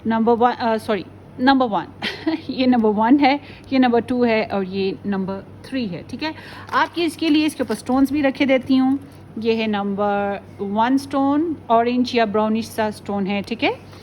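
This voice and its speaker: A woman's voice: on the high side, measured pace, darkish tone, a little hiss or hum. A woman tarot reader talking casually to her viewers, chatty and often slipping in English phrases. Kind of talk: casual pick-a-card tarot video.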